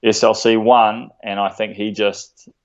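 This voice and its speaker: A man with a broad New Zealand accent chatting casually in a laid-back, slangy, halting way as a podcast guest. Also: lowish voice, level tone, dull audio. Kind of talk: casual chat.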